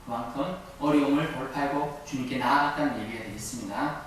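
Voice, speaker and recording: A man's voice: medium pitch, a little fast, a bit bright. A middle-aged male pastor preaching a sermon, often asking the congregation questions and answering them himself. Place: church sanctuary. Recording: echoey church hall, distant mic, faint noise.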